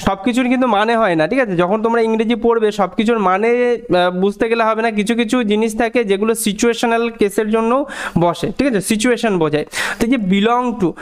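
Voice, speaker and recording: Man, language teacher, high-pitched, smooth clear voice, reads phrases slowly, asks if you follow. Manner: slow and deliberate on English phrases, quicker in explanations; asks learners frequent check questions. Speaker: English teacher. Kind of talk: explaining a story line by line.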